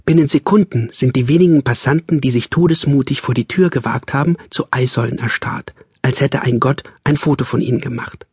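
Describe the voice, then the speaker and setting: A man narrating a novel in a calm, measured storytelling manner, close on a studio mic. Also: medium pitch, breathy edge, no echo. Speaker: audiobook narrator. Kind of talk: scripted narration.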